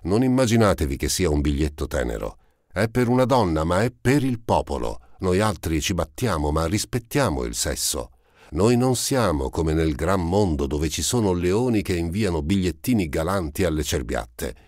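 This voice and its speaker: A man's voice: low voice, sing-song, moderate pace, darkish tone, no room sound, studio quality, pitched above the performer's own voice. A man voicing a cheeky street-urchin boy with brash, teasing retorts in an audiobook. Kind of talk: audiobook character voice.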